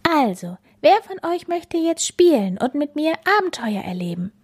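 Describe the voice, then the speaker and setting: Brief: bookish storybook girl played by a woman, firm and insistent, high and lively. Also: moderate pace. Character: determined bookish young girl.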